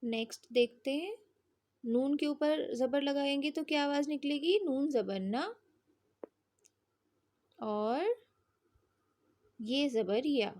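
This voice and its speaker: A high-pitched woman teaches young children at an unhurried pace. She patiently spells out sounds in drills and keeps asking if they follow. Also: a little mellow. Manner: patient, drawn-out spelling drills with frequent check-ins. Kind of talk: slow children's lesson.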